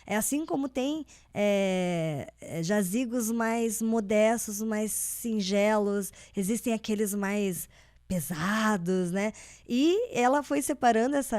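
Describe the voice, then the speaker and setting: A woman's voice: medium pitch, darkish tone, no echo, studio quality. A woman co-hosting a podcast, reflecting in a casual, conversational way. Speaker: podcast co-host. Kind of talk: casual chat.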